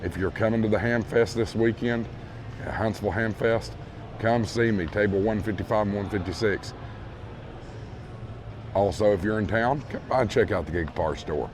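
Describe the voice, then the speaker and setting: With background noise around him, a vlogger tours a large indoor retail store on his handheld phone, speaking at a moderate pace in a fairly low, hoarse voice that's starting to go. He chats easily, addresses his audience as folks, and keeps repeating his praise.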